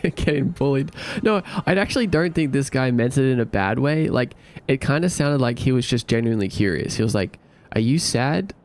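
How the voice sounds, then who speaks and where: A man's voice: mid-range voice, expressive, brisk, darkish tone. A young man, casually chatting and joking with his livestream viewers. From Australia. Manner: playful, laughing, teasing chat. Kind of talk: casual chat reading viewer comments.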